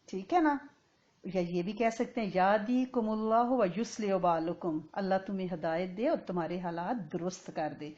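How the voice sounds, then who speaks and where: A woman teaches a religious lesson in a conversational way, often pausing to ask "right?" and chanting Arabic phrases slowly and clearly. Her voice sits at a middle pitch for a woman. The recording sounds dull and lo-fi. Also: a little mellow. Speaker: Islamic teacher.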